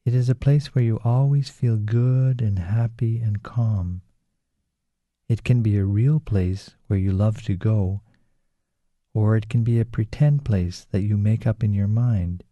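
Man, guided relaxation, very dark mellow voice, dull lo-fi sound, dry close mic. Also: lowish voice, dry recording. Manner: slow, soothing, calm. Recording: dull lo-fi recording.

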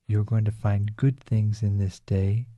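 Man, guided relaxation, very dark mellow voice, dull lo-fi sound, dry close mic. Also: lowish voice, no echo. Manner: slow, soothing, calm. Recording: dull lo-fi recording.

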